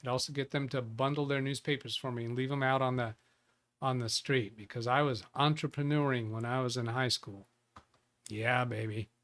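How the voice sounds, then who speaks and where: This man, hosting a casual live tech stream, has a medium-pitched, slightly bright voice. He's chatty, greets viewers by name, and keeps restarting sentences.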